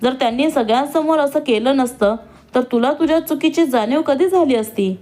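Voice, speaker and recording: A woman voicing a gentle, anxious young wife who talks in a pleading way. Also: sits high, moderate pace, lightly acted.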